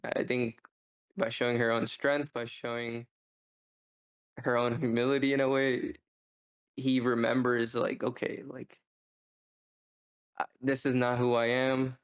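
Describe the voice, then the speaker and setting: A podcast co-host talks through a book review, thinking out loud in a casual, rambling, halting way. His voice sits at a medium pitch with little pitch movement.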